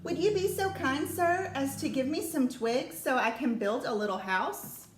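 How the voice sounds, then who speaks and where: Sweet high little piggy from a storybook, a lady voicing it, roomy echo. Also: slow pace, slight background noise. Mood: polite. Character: small polite little pig, young.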